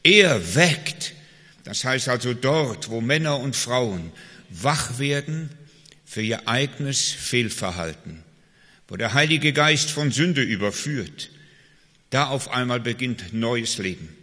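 Bright-voiced preacher in a hall. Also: male voice, medium pitch, animated, slow. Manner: emphatic preaching with swings between loud calls and quiet confession. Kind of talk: sermon.

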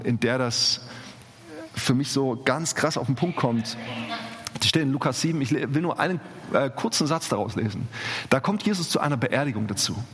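Emphatic man preaching in a reverberant church. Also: mid-range voice. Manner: emphatic, repeats key phrases, slows on key words. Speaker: pastor. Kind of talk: sermon. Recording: long hall reverb.

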